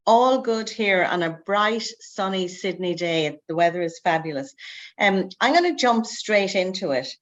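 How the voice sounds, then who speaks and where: A woman's voice: mid-range voice, lively intonation, a little slow, lo-fi sound. A woman hosting a casual recruitment podcast interview, chatty and upbeat as she asks her guests questions.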